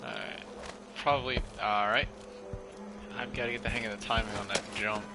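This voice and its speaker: A man's voice: fairly low pitch, fairly even intonation, moderate pace, gravelly, noisy background. A man giving casual gameplay commentary, muttering to himself in a self-deprecating way. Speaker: gamer, let's-play host. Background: game music.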